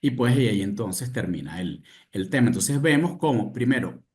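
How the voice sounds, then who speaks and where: A man's voice: lowish voice, expressive, normal speed, a little mellow. A man lecturing at a seminar. He retells scenes, acts out quoted lines in asides, and often restarts his sentences. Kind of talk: seminar talk.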